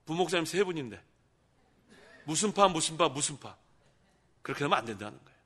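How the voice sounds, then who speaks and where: A middle-aged man preaching a sermon in a church, his voice sitting a little high and sounding bright and forceful. He talks with the congregation more than at them, tossing out questions and answering them in the next breath. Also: animated, a little fast, husky. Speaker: pastor. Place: church sanctuary.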